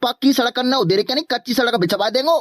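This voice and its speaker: A woman's voice: a little high, fast, dry recording, clean studio sound, lightly acted. Woman voicing an old wheedling village politician. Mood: coaxing. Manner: pleading, coaxing cartoon voice.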